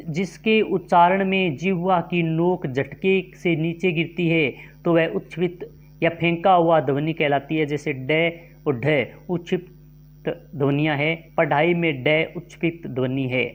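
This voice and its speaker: A man teaching a grammar lesson for exam prep, reading out quiz questions and options, then explaining each answer slowly. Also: fairly high pitch, fairly even intonation.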